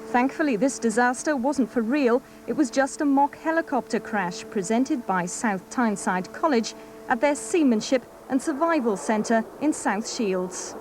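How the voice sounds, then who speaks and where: A woman TV news reporter reading a scripted report in a measured, even way, heard from a worn VHS tape copy. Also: a little high. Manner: measured, even newsreader delivery. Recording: hissy worn videotape copy.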